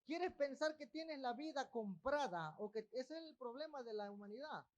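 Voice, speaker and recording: A man's voice: very high-pitched, lively intonation, moderate pace. A man preaching a sermon as pastor of a church, breaking off with asides to the congregation. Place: church in Texas.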